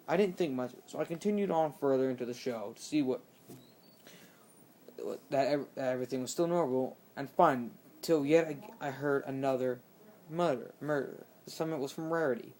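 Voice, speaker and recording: A man reading a horror story aloud, halting and often restarting mid-sentence. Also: mid-range voice, a little mellow, a little hiss or hum. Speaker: channel host reading horror stories.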